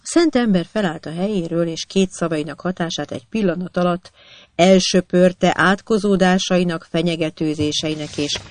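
Measured audiobook narrator, dry sound. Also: mid-range voice, dry recording. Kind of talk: scripted narration.

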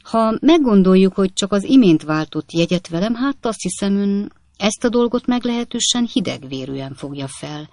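A man voicing a blustering, jealous gentleman. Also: high voice, animated, no echo, voice pushed up. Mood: indignant. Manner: loud, demanding, indignant. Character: jealous, blustering middle-aged gentleman suitor. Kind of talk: audiobook character voice.

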